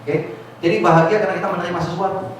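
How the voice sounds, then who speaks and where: A man leads a motivational seminar, asking the audience questions and prompting them to answer. His voice booms around a large, echoing hall and is picked up from a distance. A steady layer of noise sits underneath. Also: racing. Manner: lively, calls on the audience to answer. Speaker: motivational speaker. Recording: echoey hall, far mic, noisy.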